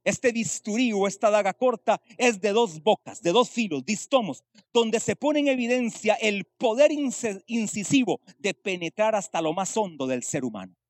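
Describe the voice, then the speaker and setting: A man's voice: high-pitched, animated, moderate pace, dry recording, clean studio sound. A male pastor preaching a sermon, explaining Greek words and asking rhetorical questions.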